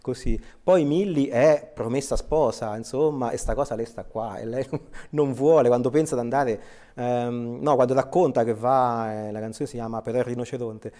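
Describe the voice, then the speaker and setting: A man's voice: mid-range voice, steady tone, normal speed, mellow. A man appearing as an author guest, explaining his book eagerly and enthusiastically. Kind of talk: casual interview talk.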